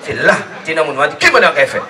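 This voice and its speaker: A man giving a rambling, lively faith testimony at a church gathering, laughing often as he tells his story. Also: fairly high pitch, fairly quick. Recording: distant mic with crowd noise.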